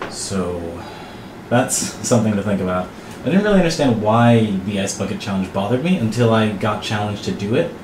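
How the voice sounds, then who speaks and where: Reflective man vlogging in an echoey bathroom. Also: fairly low pitch. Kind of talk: earnest monologue to camera. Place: small bathroom, indoors. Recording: echoey bathroom with clear background noise.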